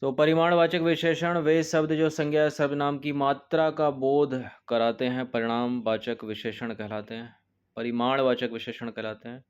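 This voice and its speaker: A man's voice: mid-range voice, little pitch movement, normal speed, smooth, highs cut off. A male coaching teacher walking through an exam test paper, explaining each answer step by step and repeating key points. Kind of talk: test-paper walkthrough lesson.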